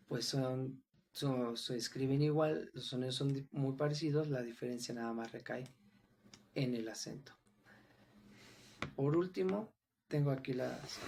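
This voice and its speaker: A man's voice: medium pitch, creaky, darkish tone, a little hiss or hum. A man giving a class presentation on phonetics, talking hesitantly with frequent restarts and fillers. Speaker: student presenter.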